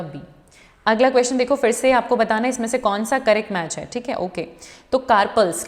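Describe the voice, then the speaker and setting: A woman's voice: fairly high pitch, in a large hall. A woman teacher giving an exam-prep lecture, walking through each question step by step, repeating the answers and addressing students as her children.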